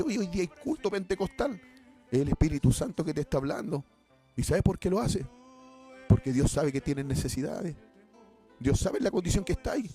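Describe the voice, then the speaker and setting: An evangelist, his voice sitting high, preaches an impassioned Pentecostal sermon. He shouts exhortations and repeats phrases.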